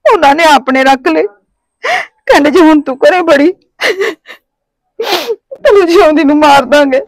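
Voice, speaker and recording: A woman plays a young Punjabi wife who has been turned out of her home. She pleads in a high, tear-choked voice. The sound is close and dry. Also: fairly quick, no room sound. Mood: pleading. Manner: pleading, sobbing. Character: tearful homeless wife begging for work. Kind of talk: village family drama acting.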